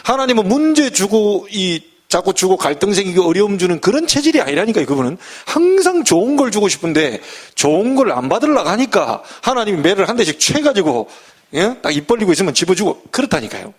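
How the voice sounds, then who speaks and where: A man's voice: sits high, big pitch swings, a little fast, slightly rough. A middle-aged male pastor giving a folksy sermon full of humor and rhetorical questions.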